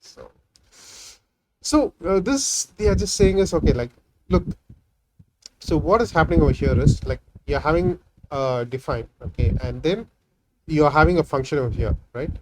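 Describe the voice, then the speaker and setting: A Tamil-speaking man hosts a casual screen-recorded coding tutorial, thinking aloud as he works and leaning on frequent fillers and "right?" tags. His voice sits on the high side and is expressive, at a moderate pace, with a noisy background.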